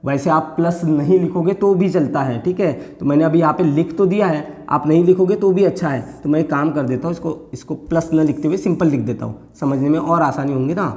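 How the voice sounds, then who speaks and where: A man teaches a math lesson in a patient, repetitive way, walking through each step and checking that the class follows. His voice sits a little high but sounds soft and mellow. He often repeats a phrase twice before moving on. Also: a little fast, few pauses. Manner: explains step by step, repeats phrases, calls students 'beta'.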